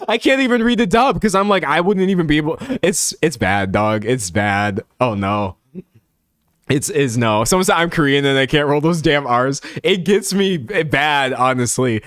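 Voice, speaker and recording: Recorded cleanly in a studio without echo, this medium-pitched, slightly bright voice belongs to a young Texan from San Antonio. On his livestream he reads the chat and rambles casually, laughing frequently at his own expense.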